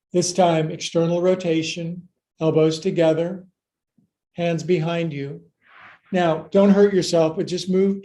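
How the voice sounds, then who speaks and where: A man's voice: fairly high pitch, mellow. Playful middle-aged male yoga instructor, echoey room. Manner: playful, folksy, joking asides and silly sound words. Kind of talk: live-streamed exercise class instruction.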